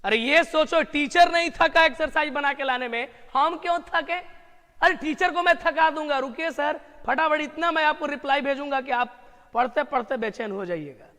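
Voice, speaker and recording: A high-pitched man with a bright, forceful voice runs a lively online English grammar class, cheering his students on. His voice carries a long reverb. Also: normal speed. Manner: energetic, encouraging, praising students. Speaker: English teacher.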